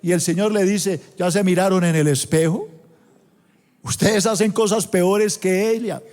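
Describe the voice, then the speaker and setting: A high-voiced man with a Colombian accent preaches a sermon to his congregation. He drawls out the scripture quotes for emphasis. His voice rings with the long reverb of a big church auditorium. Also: a little slow, a little mellow. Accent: Colombian Spanish. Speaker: pastor.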